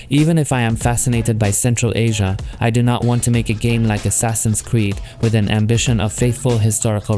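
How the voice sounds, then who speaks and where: A man from France, speaking with a French accent in a lowish voice, narrates his monthly progress as a solo game developer. His delivery is calm, earnest and scripted.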